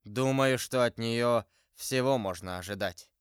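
A reader voicing a brooding, restrained musketeer in a storybook, speaking low and hushed with a tremble. The voice is smooth and clear in a dry, close recording. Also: male voice, measured pace, dry recording, close to an everyday voice. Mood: grim. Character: grave older male musketeer, brooding and restrained.

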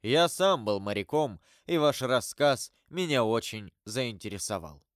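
A man voicing a grave, wealthy nobleman, speaking in a calm, measured, solemn way. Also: mid-range voice, no echo, clean studio sound, close to an everyday voice. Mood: composed.

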